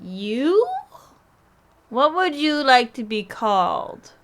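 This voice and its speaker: A woman's voice: high voice, very animated, slow pace. A woman playing her character in a tabletop role-playing game, teasing and joking. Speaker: player.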